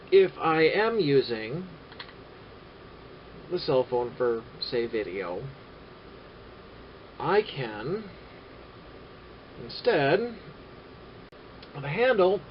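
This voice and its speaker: A man vlogging casually about his camera gear, rambling and halting with many filler sounds and dry sarcastic asides. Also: high-pitched. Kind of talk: casual gear-review vlog. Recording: dull lo-fi audio with faint noise.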